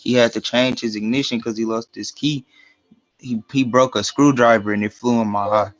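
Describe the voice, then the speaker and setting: A man answering questions on a courtroom recording, hesitant and soft-spoken, with his sentences trailing off. His tone stays flat and even at a middle pitch. The sound is dry and muffled, with a lo-fi dullness. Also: moderate pace, no echo. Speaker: defendant.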